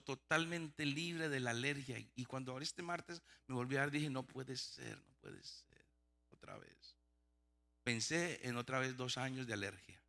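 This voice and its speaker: A man's voice: mid-range voice, pushed and bright. A middle-aged male pastor telling a personal testimony in a sermon, acting out the dialogue with frequent restarts. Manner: storytelling, acts out dialogue, many restarts.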